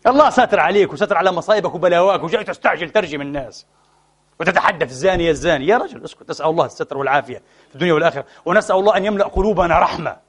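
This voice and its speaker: Fast, high-voiced impassioned male preacher. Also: lively intonation, husky. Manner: impassioned, addresses listeners as brothers, swings between soft and loud. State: saddened and frustrated. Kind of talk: Friday sermon.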